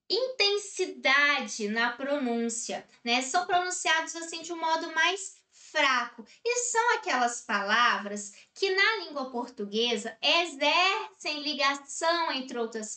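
Slow, bright-voiced woman teaching grammar. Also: high voice, echoey room. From Brazil. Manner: slow, explanatory, checks in with "ok?" and "né?". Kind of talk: recorded grammar lesson.

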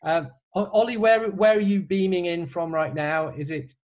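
A man's voice: high-pitched, moderate pace, a little mellow, lo-fi sound. A man in his fifties from Yorkshire, hosting a casual video-call chat with plenty of fillers and restarts, recorded at home on a headset mic. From Yorkshire, England. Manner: chatty, frequent fillers and restarts. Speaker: host. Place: bedroom at home.

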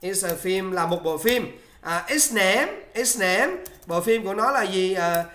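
A bright, forceful-voiced exam tutor talks learners through speaking-test answers in a casual, encouraging way, full of little filler sounds. The English model answers come slow and deliberate. The room is roomy and echoey. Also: medium pitch. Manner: chatty and encouraging, many "à" fillers, slows down for English examples.

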